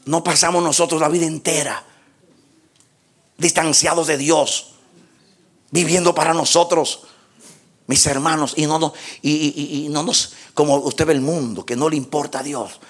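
A man preaching a sermon to his church, dramatic, moving from shouting to hushed near-whispers. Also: fairly high pitch, fairly even intonation, normal speed, long pauses.

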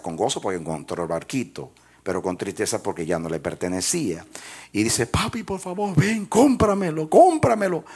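A man's voice: deep voice, slightly rough. A man preaching a sermon and telling a story to his congregation. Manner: storytelling, rising to shouted praise.

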